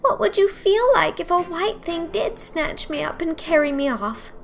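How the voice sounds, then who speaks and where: A woman's voice: very high-pitched, expressive, moderate pace, creaky, voice pushed up, full character voice. A woman playing an imaginative, eager and easily frightened young girl in a storybook reading, breathless and theatrical. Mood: pleading, sobbing.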